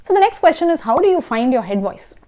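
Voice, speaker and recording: A woman's voice: sits high, sing-song, quick pace, mellow. A woman teaching a vocal lesson who explains patiently and often checks in with "okay?" and "right?". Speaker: singing teacher. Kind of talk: vocal lesson with sung demonstrations.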